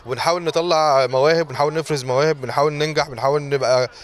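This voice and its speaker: A man's voice: a little high, steady tone, racing. An Egyptian man who runs a sports academy, answering interview questions earnestly and repeating thanks.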